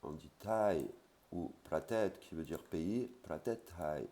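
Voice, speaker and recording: In a laid-back lesson, this Thai teacher, whose voice is very low, carefully and slowly spells out Thai words. Afterward he breaks them down casually, often saying "voilà" along with fillers like "hein".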